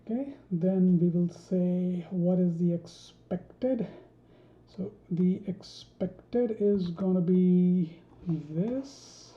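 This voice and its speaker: Slow thinking-aloud woman coding tutor. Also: fairly low pitch. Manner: thinks aloud, many ums and restarts. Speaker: programming tutor. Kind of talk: screen-recorded coding tutorial. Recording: dull roomy home recording.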